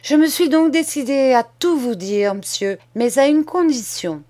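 Brief: woman reading as a calm, defiant boy, high and firm, storybook audiobook. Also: a little slow. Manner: polite, firm and unyielding. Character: bold, calm, defiant young schoolboy.

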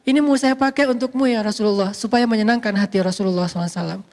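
A male preacher voicing a gentle young wife who answers her husband tenderly, in a lower, quieter voice. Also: rapid-fire. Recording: long hall reverb.

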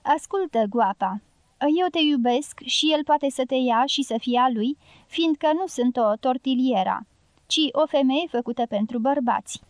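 A woman reading the part of a strong-willed older woman in an audiobook, gruff and curt in manner, in a dry studio sound. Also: sits high, darkish tone, no room sound, natural voice. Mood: gruff, brooding.

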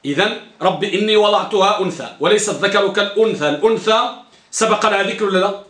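A man's voice: sits high, fast talker, fairly bright tone, reverberant. A man teaching a grammar lesson to a class, who asks his students questions and repeats the key terms.

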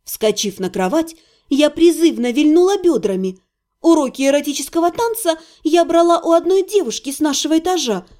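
A woman narrating a novel aloud in a lively, expressive way. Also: sits high, brisk. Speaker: audiobook narrator.

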